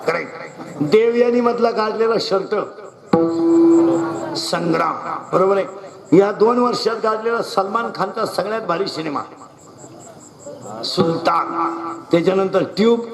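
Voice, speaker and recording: A man with a Marathi accent doing comic stage talk at an outdoor festival, quizzing the audience in quick call-and-response through a stage mic. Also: sits high. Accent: Marathi, western Maharashtra. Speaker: stage comedian. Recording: echoey outdoor stage, loud crowd. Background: loud crowd noise.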